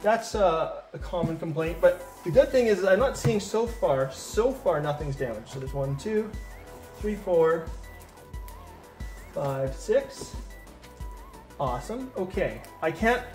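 A man's voice: high-pitched, animated, takes it slowly, long pauses, a little mellow, soft background music. A man in pain and a little out of breath, chatting in a rambling way while he unboxes collectibles as a vlogger. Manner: chatty, rambling, with many restarts and fillers. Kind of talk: casual unboxing talk.

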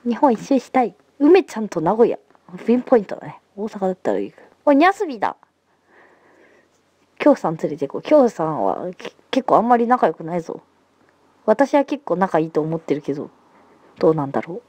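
A woman hosting a casual livestream and chatting to her viewers over a phone mic, playful and giggly, slipping into dialect and rough slang. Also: medium pitch, sing-song, fairly quick, warm tone, no room sound. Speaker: livestream host. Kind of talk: casual livestream chat reading viewer comments.

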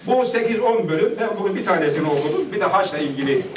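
Nervous high-voiced man in his fifties. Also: expressive, background noise. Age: 50s. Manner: halting, nervous delivery. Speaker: guest speaker at a farewell gathering. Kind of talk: heartfelt speech and poem recital. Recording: echoey, distant, dull lo-fi home video.

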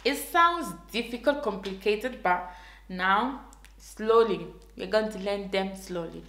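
A woman's voice: medium pitch, animated, slow pace, a bit bright, reverberant. A woman teaching a beginner language lesson, carefully repeating each word.

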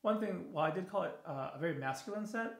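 A man's voice: high voice, animated, fast talker, vocal fry. A man in his thirties hosting a shaving video in a small home bathroom, talking casually and a bit tiredly, with frequent fillers and restarts as he goes. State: a little tired in the evening. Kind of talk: casual product review while shaving. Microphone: camera on the counter at close range. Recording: echoey bathroom.

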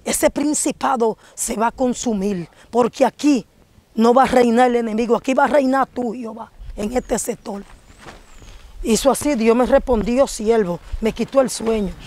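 A woman's voice: on the high side, darkish tone, no room sound. A woman giving a fervent religious testimony, emphatically declaring rebukes in a raised preaching voice. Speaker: church testimony giver.

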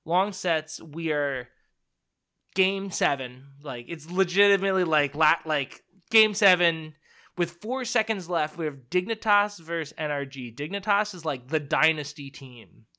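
A young man co-hosting a casual podcast chat, excitable and rambling with lots of fillers. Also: on the high side, measured pace, smooth. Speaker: podcast co-host.

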